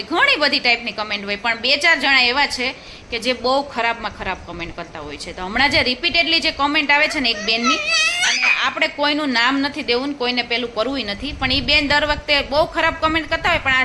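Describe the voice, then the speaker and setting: High bright-voiced woman vlogger. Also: slight background noise. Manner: chatty, coaxing a child along. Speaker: family vlogger. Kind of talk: casual vlog chat. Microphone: phone held close to the mouth.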